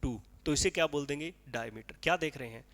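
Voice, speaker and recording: Bright-voiced man lecturing with rhetorical questions. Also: fairly high pitch, fast, gravelly, big-room sound. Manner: explains with repeated rhetorical questions, counting aloud. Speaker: teacher. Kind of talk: classroom lecture on poetic meter.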